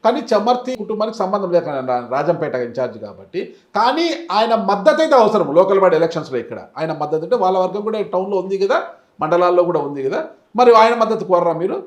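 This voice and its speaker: A man interviewing a politician, pressing him with rapid follow-up questions. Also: high voice, very animated, roomy sound.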